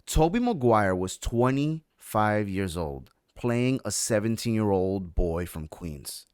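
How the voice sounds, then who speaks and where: A man co-hosting a podcast over an online call, ranting in an animated, profane, heated debate. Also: fairly low pitch, slow pace, smooth, no echo, studio quality. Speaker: podcast co-host. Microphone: online call with lagging connection.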